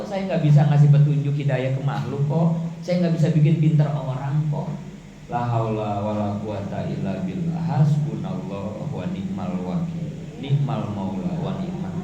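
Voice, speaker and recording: A man's voice: mid-range voice, mellow, a little hiss or hum. A man preaching a casual, joking sermon to a women's study group, asking and answering his own questions. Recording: echoey hall, dull sound.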